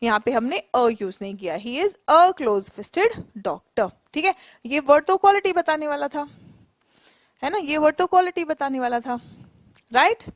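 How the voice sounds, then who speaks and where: A woman's voice: high voice, animated, moderate pace, pauses often, no echo. A young Indian woman teaching an online English class, mixing Hindi and English, coaxing her students and drawing out her English example sentences.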